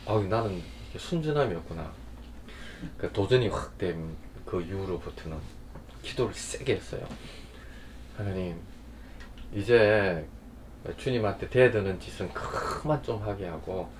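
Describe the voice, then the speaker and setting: A man pastor preaching a sermon in a conversational way, prompting listeners often and swinging between loud bursts and quiet asides. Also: fairly low pitch, a little hiss or hum.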